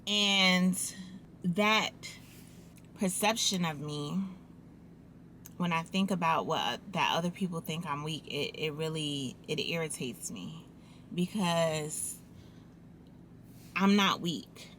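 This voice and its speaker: A woman vlogger, telling a casual storytime in an unhurried, reflective way with restarts. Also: sits low, a bit bright, a little hiss or hum.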